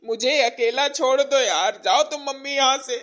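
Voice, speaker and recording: A woman's voice: a little high, moderate pace, lightly acted. A woman voicing a fed-up young husband in a cartoon, sulky and irritable. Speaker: cartoon character.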